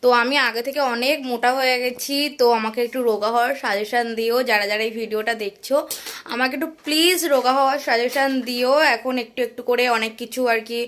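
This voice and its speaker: Chatty woman vlogger with a high voice. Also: steady tone, quick pace, a bit bright. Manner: chatty, addresses viewers directly. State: voice getting hoarse. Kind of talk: casual home vlog.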